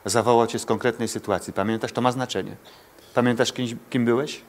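A man's voice: mid-range voice, steady tone, a little fast. A male pastor preaching a sermon to a congregation in church, speaking directly to listeners, pleading and asking rhetorical questions.

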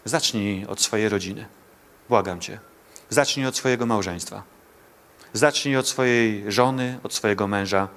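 A man's voice: lowish voice, moderate pace, fairly bright tone. A male pastor preaching a sermon to a congregation in church, speaking directly to listeners, pleading and asking rhetorical questions.

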